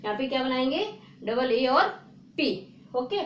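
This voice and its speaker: A woman teaching a spelling lesson, repeating words slowly and asking her viewers rhetorical questions. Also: high voice, animated, fairly bright tone. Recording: echoey room with faint noise.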